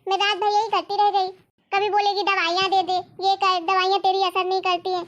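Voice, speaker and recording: A woman playing a selfish young daughter-in-law who talks fast and complains sharply. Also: extremely high pitch, flat delivery, dull audio. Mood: complaining. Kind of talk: family drama acting.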